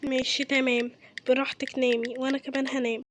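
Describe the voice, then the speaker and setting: A woman's voice: high-pitched, little pitch movement, fast, a little hiss or hum, lightly acted. A woman voicing a caring, fussy mother with an Egyptian accent, reassuring her daughter again and again in a game role-play. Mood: soothing. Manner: soothing, reassuring, repeats herself.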